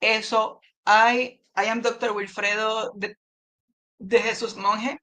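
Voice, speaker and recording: A man, a physician researcher speaking formally and haltingly as a guest on a webinar interview over a video call. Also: sits high, little pitch movement, bright, forceful tone, rough recording. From Puerto Rico.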